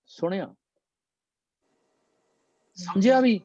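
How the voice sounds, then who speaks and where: A man teaching and explaining scripture in a slow, deliberate manner, slipping English phrases into his talk. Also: high-pitched, mellow, breathy edge, no room sound, highs cut off. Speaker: Gurbani teacher.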